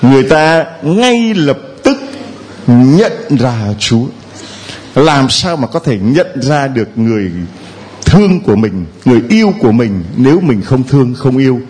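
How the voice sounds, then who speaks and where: Lively teasing priest, man preaching. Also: mid-range voice, a little slow. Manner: teasing, playful with the congregation. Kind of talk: sermon. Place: church.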